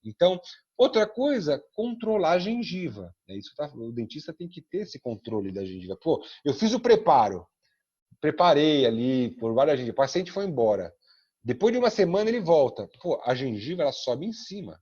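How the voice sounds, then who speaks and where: A man with a Brazilian accent teaches a dental class over a video call, his slightly husky voice dull and lo-fi. He swings his pitch widely as he acts out little scenes with dentists and patients, checking in with his listeners again and again. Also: sing-song, normal speed, darkish tone. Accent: Brazilian Portuguese. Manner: tags sentences with frequent "né?". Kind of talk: online class lecture. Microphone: computer mic on a video call.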